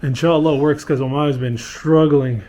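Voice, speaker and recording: A man co-hosting a travel vlog, calmly explaining what is going on. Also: fairly high pitch, moderate pace, rough recording. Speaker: vlog co-host. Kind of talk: casual vlog narration. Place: outdoors on city streets.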